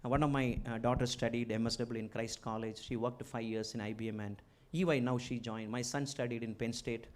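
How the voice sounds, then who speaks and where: A middle-aged Indian man with a strong Malayali accent, an entrepreneur and former chief executive, gives a motivational talk to students as a guest speaker. His mid-range voice keeps a fairly even intonation and moves briskly with few pauses, delivering short, emphatic phrases that repeat key words.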